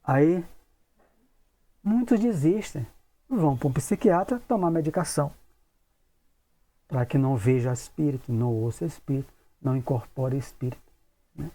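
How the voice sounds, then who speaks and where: Warm and on the high side, the voice of this 60-something man moves at a moderate pace with frequent pauses. He is a spiritist lecturer guiding a casual study talk, voicing hypothetical questions and repeating tag questions as he chats.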